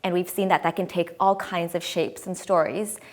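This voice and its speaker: A woman's voice: lowish voice, steady tone. Articulate young woman, interview guest. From United States. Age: 20s. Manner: articulate, enthusiastic, measured. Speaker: interview guest, editor-in-chief. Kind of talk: conversational interview.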